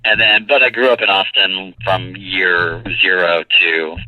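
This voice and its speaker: A man's voice: low voice, flat delivery, a little slow, no room sound. A man from Texas, a film director, chatting easily as a podcast guest. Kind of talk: casual interview. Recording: dry tinny phone line.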